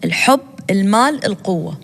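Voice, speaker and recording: A woman interviewing guests in a casual chat, asking quick, probing questions. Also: mid-range voice, lively intonation, gravelly, long reverb tail, slight background noise.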